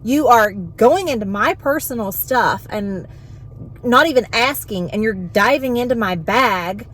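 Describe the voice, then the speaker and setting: A woman, a vlogger and home health worker telling an animated, exasperated story in casual venting style. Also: on the high side, unhurried, slight background noise.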